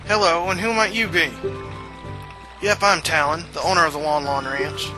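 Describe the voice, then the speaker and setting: A man's voice: a little high, fairly even intonation, moderate pace, music in the background, natural voice, low-quality recording. A man voicing a sleepy, easygoing middle-aged rancher in a Southern US accent, drawling and getting flustered. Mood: friendly.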